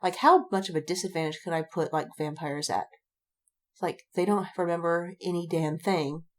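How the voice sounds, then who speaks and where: Her voice is on the low side and her pace is normal as she chats casually on a podcast she co-hosts. The stories wander, with quotes performed aloud and frequent cursing.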